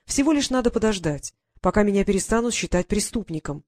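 A woman's voice: mid-range voice, animated, a little fast, darkish tone, no echo, close to an everyday voice. Woman reading a cool, ironic male clockmaker lord. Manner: dry, mocking.

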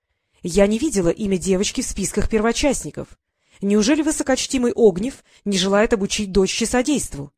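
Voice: mid-range voice, expressive, fairly quick, a little mellow, no room sound. Reader voicing a stern female councillor, pushy and indignant, dry close sound. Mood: insistent. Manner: insistent, indignant.

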